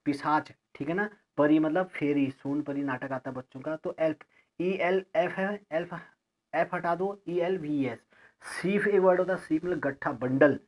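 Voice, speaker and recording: A man with a slightly high voice teaches an English grammar lesson on a lo-fi recording. He explains each word slowly, spells it out letter by letter, and checks in with his students.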